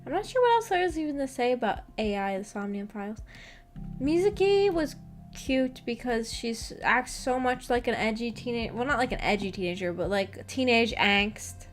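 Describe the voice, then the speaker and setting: A young woman with a fairly high, expressive voice hosts a casual livestream, rambling to her viewers at normal speed in a giggly, self-deprecating way. Soft music plays in the background.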